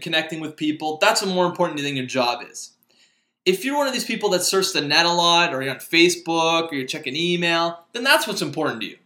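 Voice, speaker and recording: A man's voice: a little high, sharp tone. A middle-aged man hosting a motivational podcast, talking casually with many fillers and restarts. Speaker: podcast host. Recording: echoey room.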